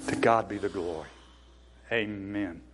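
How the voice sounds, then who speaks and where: A man's voice: fairly low pitch, a little slow, a crowd in the background. A man in his fifties preaching a sermon and leading a prayer, earnest and folksy with joking asides. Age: 50s.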